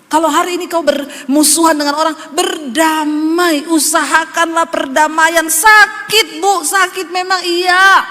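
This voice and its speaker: Woman pastor, preaching to the congregation, high voice, long hall echo. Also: a bit bright. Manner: emphatic, conversational, addresses congregation. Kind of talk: sermon.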